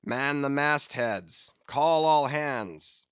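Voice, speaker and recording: A man voicing a fierce, obsessed old whaling captain in an audiobook, with commanding, long-drawn shouts. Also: mid-range voice, slow pace, no room sound, muffled recording. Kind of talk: audiobook character acting.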